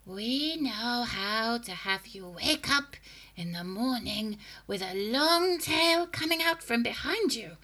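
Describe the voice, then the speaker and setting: A wicked old grandma hag for a storybook: husky, throaty whisper, slow, relishing menace. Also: female voice, expressive, bright, forceful tone, heavily acted, low-quality recording. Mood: sinister whisper. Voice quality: high, creaky, whispery and throaty. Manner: slow, gloating, relishing each word.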